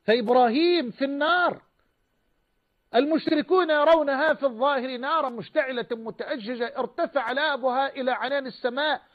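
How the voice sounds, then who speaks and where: A man preaching an impassioned, rhetorical sermon, slowing down to recite verse. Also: very high-pitched. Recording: narrow tinny phone-like sound.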